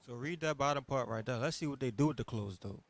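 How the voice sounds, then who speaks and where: A man's voice: medium pitch, fast, no echo. A man hosting a casual news commentary, explaining and restating things in colloquial terms. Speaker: panel host directing the reader.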